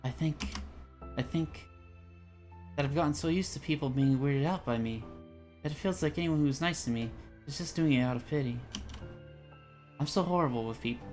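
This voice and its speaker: A man's voice: on the high side, normal speed, pauses often, faint music behind, lightly acted. A man voicing a shy, anxious young woman. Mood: hesitant. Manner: quiet, hesitant, apologetic. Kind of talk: dramatic reading of a visual novel.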